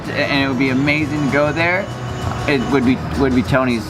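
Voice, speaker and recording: A man's voice: mid-range voice, steady tone, a little fast, over music, poor audio. A man talking casually as a guest on a vlog, often repeating and rephrasing himself. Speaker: vlog guest, action sports rider. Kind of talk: casual chat.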